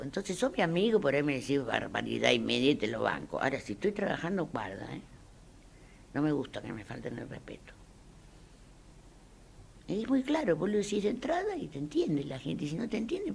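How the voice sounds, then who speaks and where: Expressive older Argentine woman, gravelly. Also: deep voice. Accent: Argentine Spanish. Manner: emphatic, expressive storyteller. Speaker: interviewee, actress. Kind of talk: interview reminiscence.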